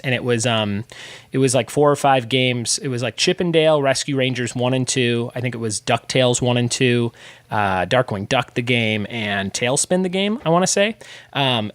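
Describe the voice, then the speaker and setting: A man in his thirties hosting a casual trivia podcast from a home room, chatty and upbeat with quick laughs. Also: medium pitch, a bit bright, dry recording. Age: 30s. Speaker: podcast host.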